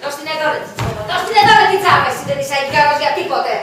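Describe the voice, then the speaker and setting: An actress playing a bossy, excitable wife in a stage comedy, scolding her husband. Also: high-pitched, a little hiss or hum. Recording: echoey stage from far off.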